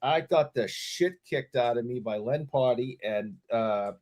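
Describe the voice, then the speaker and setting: A man with a Boston accent chats casually among friends on a hobby show. He stumbles and circles back over his own phrases, with a medium-pitched voice and a joking, informal delivery. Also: unhurried, darkish tone. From Boston, United States. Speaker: hobby talk show panelist. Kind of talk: casual joking group chat.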